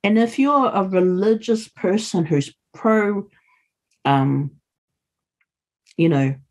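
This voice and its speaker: A middle-aged woman appears as a guest on a video call, speaking earnestly in an interview and urging listeners on. Her medium-pitched voice is a little mellow, and she takes her time.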